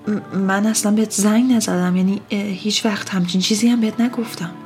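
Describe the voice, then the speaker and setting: A woman voicing a bewildered uncle who shouts in anger and stammers when shaken. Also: mid-range voice, steady tone, faint music behind, lightly acted. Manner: shouting, then shaky and stammering. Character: furious bewildered uncle who returned home, man.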